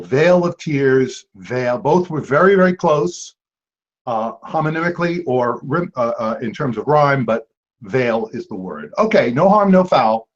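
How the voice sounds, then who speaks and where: A man hosting an online trivia game as quizmaster, playful, with jokey asides. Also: medium pitch. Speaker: trivia quiz host. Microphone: video call. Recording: dull lo-fi video call audio.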